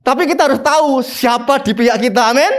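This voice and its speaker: A man, a pastor preaching a sermon in an animated way, with sudden high emphatic bursts. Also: fast.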